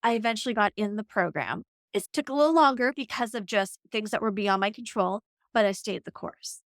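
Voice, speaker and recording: A coach in her forties appears as a podcast guest, telling her story in an earnest, reflective, conversational way with plenty of "like" fillers. Her medium-pitched voice is brisk, and the studio-quality recording has no room sound.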